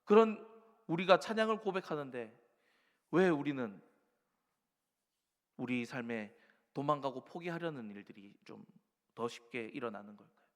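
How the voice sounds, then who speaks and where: A man's voice: medium pitch, lively intonation, normal speed, long pauses. A male pastor preaches a sermon, exhorting the congregation and acting out the words of doubting believers. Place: church sanctuary. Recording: reverberant church hall.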